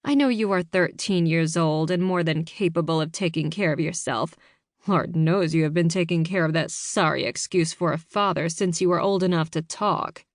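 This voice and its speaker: A woman's voice: lowish voice, normal speed, no echo, studio quality, natural voice. A woman voicing a curt, no-nonsense grandmother in an audiobook. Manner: curt, dismissive. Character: blunt grandmother, cold and no-nonsense.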